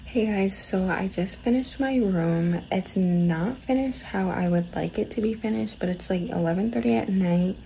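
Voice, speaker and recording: A young woman vlogging from her dorm room in a casual, soft-spoken way, often half-whispering. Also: medium pitch, moderate pace, gravelly, few pauses, noisy background. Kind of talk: casual vlog chat.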